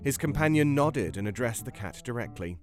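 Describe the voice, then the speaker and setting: A man reading a story aloud as a podcast narrator, in a measured, expressive delivery. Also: medium pitch, music in the background. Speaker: podcast narrator reading a translated novel excerpt.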